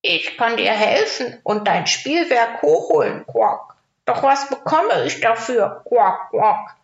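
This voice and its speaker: A woman voicing a croaking male frog from a fairy tale, drawn-out and pleading, croaking between phrases. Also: a little high, big pitch swings, voice pushed up, heavily acted. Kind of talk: storybook reading. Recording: roomy, dull lo-fi recording.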